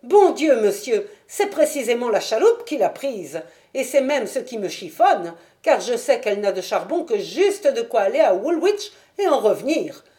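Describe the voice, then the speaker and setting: Brief: woman playing a shrill, chatty working-class wife in a storybook reading, pitched high. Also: big pitch swings, moderate pace, few pauses. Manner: loud, fussing and talkative.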